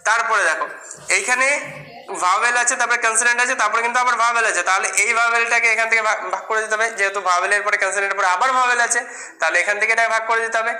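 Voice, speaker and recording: A teacher slowly and patiently spelling English words out letter by letter for learners. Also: mid-range voice, pushed and bright. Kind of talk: spelling and pronunciation lesson. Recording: echoey room.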